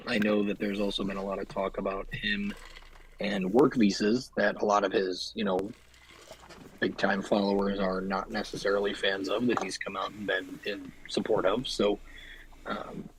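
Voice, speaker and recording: A man's voice: on the low side, level tone, normal speed, slight background noise, poor audio. A man co-hosting a casual podcast, talking politics in a thoughtful, filler-heavy way. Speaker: podcast co-host.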